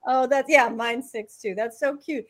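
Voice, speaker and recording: A woman guest on a podcast, chatting casually and telling animated stories about her kids. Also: high voice, unhurried. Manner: animated storyteller, acts out voices. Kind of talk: casual chat.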